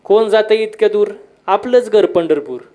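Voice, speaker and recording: A man's voice: high-pitched, moderate pace, mellow. A man giving a humorous devotional kirtan sermon, telling stories with repeated refrains and quizzing the crowd for answers. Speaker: kirtan preacher.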